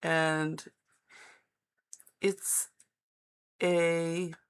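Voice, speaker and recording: A woman giving a live psychic-hotline style card reading, speaking in halting, deliberate phrases with an encouraging, reassuring manner. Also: fairly low pitch, level tone, clear, resonant tone. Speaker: live-stream tarot reader and host.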